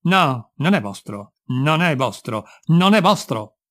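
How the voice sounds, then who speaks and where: A man voicing a fierce older female servant who shouts accusations in a raised, shrill voice while reading a story aloud. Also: expressive, moderate pace. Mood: furious.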